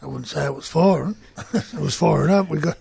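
A man with an Australian accent and a rough, gravelly voice, telling stories bluntly and colloquially in casual radio chat. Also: a little high, a little fast, mellow. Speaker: union organiser reporting on site visits. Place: community radio studio.

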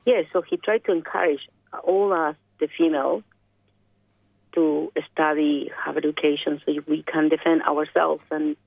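This interview guest, a woman from Chile, talks over the phone in a Chilean Spanish accent, thoughtful and groping for words on a dry, tinny line. She has a low, steady voice with vocal fry, normal speed, and no room sound.

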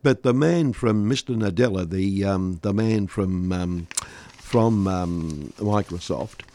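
An older man giving conversational news commentary as a host, halting often and using wry understatement. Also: deep voice, mellow, slight background noise. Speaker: talk show host.

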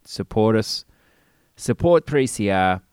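A man hosting a radio podcast, chatty and self-mocking, his voice thin and tinny with no bass because it went through a laptop mic. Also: lively intonation, slow, a little mellow, clean tone. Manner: chatty, self-mocking, pleading for listener support. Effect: thin tinny sound with no bass, recorded through a laptop mic. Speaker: radio show host. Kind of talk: casual spoken intro to a podcast. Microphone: built-in laptop mic.

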